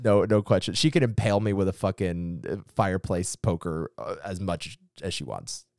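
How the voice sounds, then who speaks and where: A man co-hosting a casual film podcast, animated, joking and swearing. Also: deep voice, normal speed, gravelly, no room sound, studio quality. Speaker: podcast co-host.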